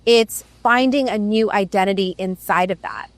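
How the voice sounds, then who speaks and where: This woman, a podcast host who grew up in the Middle East, reflects aloud in conversation at a moderate pace, her speech dotted with "right" and "like." She has a medium-pitched voice, and the recording carries no room sound.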